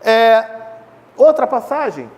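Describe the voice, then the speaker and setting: A man's voice: very high voice, very animated, slow pace, darkish tone, big-room sound. A Brazilian man giving a spiritist lecture on the Bible, talking conversationally and asking his audience rhetorical questions. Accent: Brazilian Portuguese. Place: lecture hall of a charitable spiritist center.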